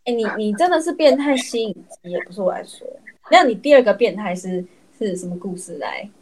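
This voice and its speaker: A woman's voice: mid-range voice, animated, a little fast, a little mellow. A young adult woman hosting a podcast, chatting casually and making teasing comments. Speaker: podcast host. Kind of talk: casual chat.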